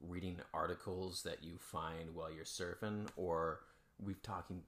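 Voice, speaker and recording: A man's voice: low-pitched, fairly even intonation, unhurried, a bit bright, slight background noise. A man co-hosting a podcast, teasing and laughing in casual chat with some swearing. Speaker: podcast co-host.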